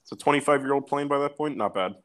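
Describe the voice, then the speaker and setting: A man's voice: medium pitch, fast, fairly bright tone. A young man co-hosting a casual podcast, reading war facts aloud with loose, profane asides. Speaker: podcast co-host. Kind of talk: casual chat.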